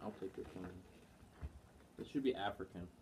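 A man's voice: low-pitched, normal speed, background noise. A man co-hosting a food-tasting vlog in casual chat, teasing and cracking jokes. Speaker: co-host.

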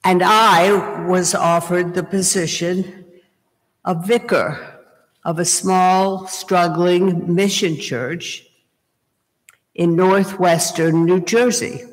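An older woman preaching a sermon from a church pulpit, telling a story at a deliberate pace. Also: on the low side, fairly even intonation. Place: small church, indoors, at a pulpit. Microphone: gooseneck pulpit mic. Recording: long church reverb. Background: reverberant church hall.

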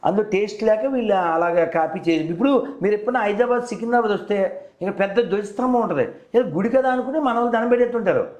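A fast-talking man whose voice sits high yet has a darkish tone hosts a debate on a call. Conversational but persistent, he probes with leading questions, and the phone recording is roomy and echoey.

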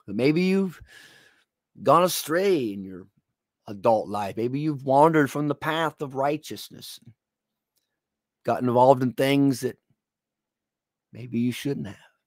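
A man's voice: medium pitch, lively intonation, slow, pauses often, no echo, clean studio sound. A man preaching a televised sermon, speaking straight to the viewer in an earnest, pleading way.

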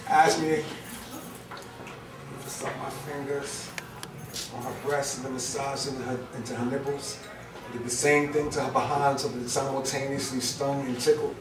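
A man's voice: mid-range voice, flat delivery, moderate pace, distant mic, noisy background. A middle-aged man from New Jersey with a New Jersey accent, performing spoken word in a small bar and joking loosely and profanely with the crowd. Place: small brick-walled bar lounge, indoors. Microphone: stand mic, recorded by a far camera. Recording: roomy live bar sound from afar. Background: audience ambience and laughter.

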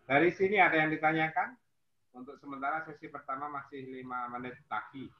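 A man teaching a language class patiently, explaining slowly with many fillers. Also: fairly high pitch. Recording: muffled roomy audio with faint noise.

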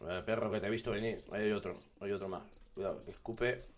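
A young man from giving casual, excitable commentary over his survival gameplay, swearing and shouting when something startles him. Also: fairly low pitch, fast talker, heavy background noise. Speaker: gaming streamer.

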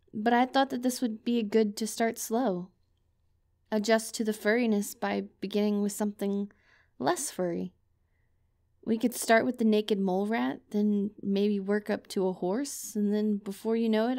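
A woman's voice: mid-range voice, darkish tone. A young woman performing a scripted comedic girlfriend role-play, talking to the listener in a playful, teasing, rambling way.

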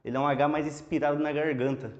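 Brazilian male teacher, fairly high voice, relaxed and chatty, walks through letters on a board, dull lo-fi sound. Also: fast. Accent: Brazilian Portuguese. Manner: relaxed, chatty, explains step by step. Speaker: Hebrew teacher. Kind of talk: casual lesson at a whiteboard. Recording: dull lo-fi classroom audio.

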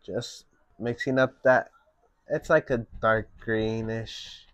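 Slow-talking man teaching painting. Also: on the low side, no echo. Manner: slow, relaxed step-by-step instruction. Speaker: painting instructor. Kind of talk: painting tutorial.

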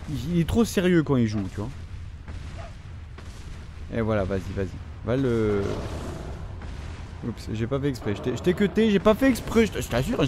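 A man's voice: medium pitch, noisy background. A young man with a French accent commentating his gameplay, swearing constantly and scolding the characters on screen. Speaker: gamer.

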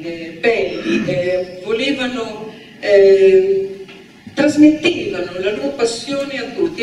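A woman author talking about her book at a presentation, rambling with many hesitations. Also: medium pitch. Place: large event hall. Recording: echoey hall, distant mic, audible noise.

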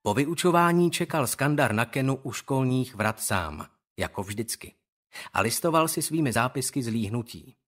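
Calm male audiobook narrator. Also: mid-range voice.

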